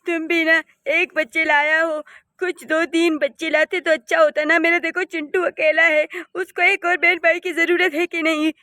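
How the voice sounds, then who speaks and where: A woman's voice: very high-pitched, little pitch movement, normal speed, bright, forceful tone, no room sound, studio quality. A woman voicing a nagging village mother-in-law. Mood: scolding. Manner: scolding, complaining. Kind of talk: cartoon voice acting.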